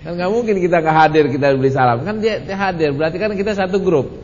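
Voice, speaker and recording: Man giving a relaxed religious lesson, little jokes here and there, big hall echo, a bit of hiss. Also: high voice, fast talker. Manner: casual, joking, conversational teaching. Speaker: Islamic study teacher. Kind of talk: religious study talk answering questions. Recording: echoey hall, muffled lo-fi with faint hiss.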